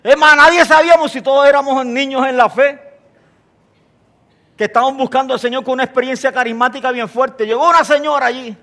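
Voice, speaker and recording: Older pastor, bright high voice. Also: male voice, a little fast. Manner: animated storyteller, humorous asides, asks the congregation questions. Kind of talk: sermon.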